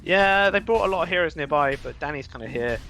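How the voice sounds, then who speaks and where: A man casting a live esports match, chatty and wry with quick reactions. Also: fairly high pitch, expressive, sharp tone. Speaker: esports caster. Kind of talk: live game commentary.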